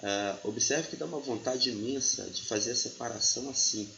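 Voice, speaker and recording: A man's voice: medium pitch, a little fast, creaky, pushed and bright, a little hiss or hum. A man, teaching a grammar lesson step by step and often checking in with the listener. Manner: didactic, checks in with "tá bom?". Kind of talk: explaining a lesson. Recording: echoey room, slightly dull audio.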